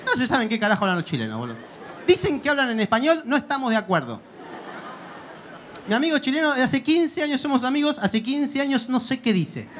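A stand-up comedian with a Buenos Aires accent performs on a club stage into a handheld mic. His delivery is punchy and full of slang, with a lively, swinging intonation. Faint audience laughter and a low hum sit behind him. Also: brisk, a faint crowd. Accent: Argentine, Buenos Aires.

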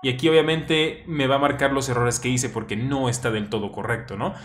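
A man's voice: mid-range voice, steady tone, a little fast, roomy sound, music in the background. A man hosting his own channel, giving a chatty, enthusiastic language lesson with frequent restarts. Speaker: language teacher and channel host. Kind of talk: casual educational commentary.

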